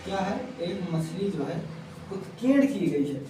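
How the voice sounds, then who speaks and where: A male teacher giving a classroom lecture, going slowly and repeating key words one at a time so students can write them down. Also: sits high, expressive, background noise. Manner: slow, repeats key words for note-taking. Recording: echoey room, mic far off.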